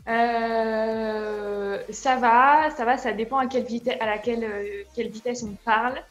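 A young woman from France answers interview questions in a relaxed, halting way, filling her pauses often. Her voice sits at a middle pitch, and faint music plays quietly behind her. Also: dull audio. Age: young adult. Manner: relaxed, hesitant, many fillers. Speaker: guest, au pair. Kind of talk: casual interview.

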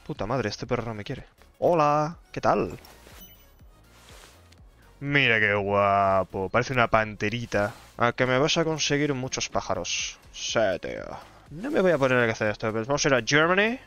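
A man's voice: medium pitch, lively intonation, moderate pace, sharp tone, clean tone, soft background music. Playful young man commenting on gameplay. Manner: playful, chatty, talks to his dog in the game. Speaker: gaming YouTuber.

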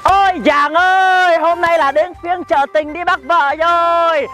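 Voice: very high-pitched, steady tone, a little slow, faint music behind, full character voice. A performer playing a boastful, goofy young village man who is out to catch a wife, in a comedy sketch. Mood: excited. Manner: loud, clowning, laughs at own jokes. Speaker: comic lead.

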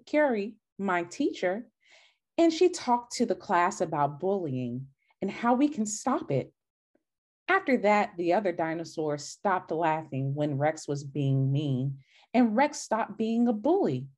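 A young adult woman runs a children's storytime over a video call from a small room at home, reading and chatting encouragingly through her laptop mic. Her voice sits fairly low with a darkish tone, unhurried, and swings widely in pitch.

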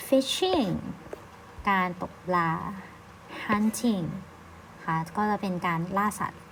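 A woman with a Thai accent teaching English, reading English words slowly and explaining them patiently with polite particles. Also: mid-range voice, background noise. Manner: slow, careful English reading. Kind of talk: recorded online lesson.

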